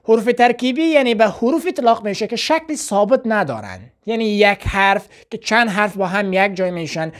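A woman with an Afghan Dari accent teaching a spoken language lesson, slowly repeating words for drill and asking and answering her own questions. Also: medium pitch, animated. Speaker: English teacher.

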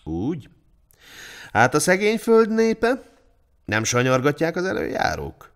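A man voicing a shrewd male king in disguise in a storybook tale, asking calm, probing questions. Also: fairly high pitch, voice pushed up.

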